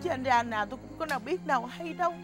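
A woman's voice: sits high, lively intonation, rapid-fire, over music. A woman with a Southern Vietnamese accent in a comedy sketch, playing a wife who complains melodramatically. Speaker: comic actress playing a wife.

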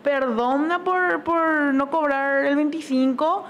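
Young woman, chatty gossip on stream, kinda high voice, bit of background hiss. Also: slow pace, lo-fi sound. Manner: animated storytelling with frequent fillers. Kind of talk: casual gossip chat. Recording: faint background noise.

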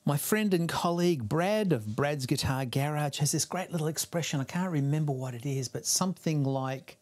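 A man's voice: fairly high pitch, animated, normal speed, a little mellow. Chatty man explaining an amp repair. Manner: chatty, explains step by step while working. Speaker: guitar amp repair technician. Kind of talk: hands-on repair tutorial.

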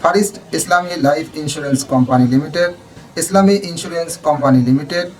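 A man narrating for an online news channel, reading out a long list of names in a steady flow, with a Bangladeshi Bengali accent. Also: a little high, fast talker, a little hiss or hum, rough recording.

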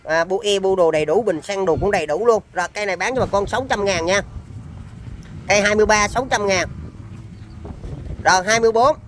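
A high-voiced man with a Southern Vietnamese accent gives a casual sales pitch for used machines. His patter is chatty and repetitive, and there is clear ambient noise in the recording. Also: fast talker, pauses often, a bit bright. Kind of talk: informal live sales demonstration.

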